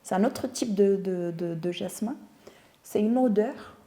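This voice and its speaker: A woman's voice: medium pitch, unhurried, dark tone. A woman, a guest telling her story in a casual interview, thoughtful and searching for words. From Tunisia. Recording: roomy echo.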